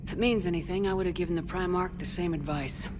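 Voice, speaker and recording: Woman playing Commander Shepard, low-voiced and resolute. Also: fast, over music, lightly acted. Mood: somber. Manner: firm, terse. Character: resolute, battle-worn female military commander in space. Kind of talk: dramatic video game dialogue.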